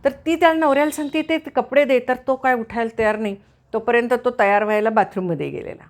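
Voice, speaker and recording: A woman's voice: fairly high pitch, fast. A woman giving family advice in casual storytelling, now and then acting out the voices of the people in it. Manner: retells a scene, briefly acting out voices.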